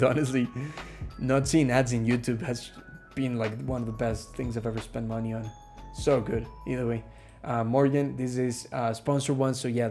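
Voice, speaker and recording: A man from Ecuador hosts a relaxed live stream Q&A, chatting easily with viewers and filling pauses with ums and uhs. His voice sits at an everyday middle pitch. Soft music plays faintly behind him. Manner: chatty, reads out viewer questions, many fillers. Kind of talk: casual live Q&A.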